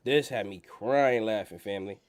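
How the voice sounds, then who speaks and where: A man's voice: fairly low pitch, normal speed, slight background noise. A man with a blocked-nose nasal sound hosting a casual livestream on the stock market, talking in slang and repeating phrases for emphasis. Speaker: livestream host.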